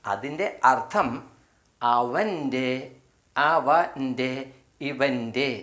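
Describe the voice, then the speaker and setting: A man with a Malayali accent teaching English spelling, slowly spelling each word letter by letter and repeating its meaning. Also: medium pitch, fairly bright tone. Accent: Malayali, from Kerala. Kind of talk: spelling and pronunciation lesson.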